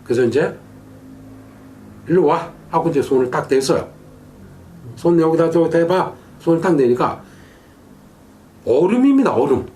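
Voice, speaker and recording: A male shaman tells his story with emphatic, animated energy. His voice sits somewhat high for a man, and his pitch swings widely from word to word. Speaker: shaman and exorcist. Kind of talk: storytelling monologue.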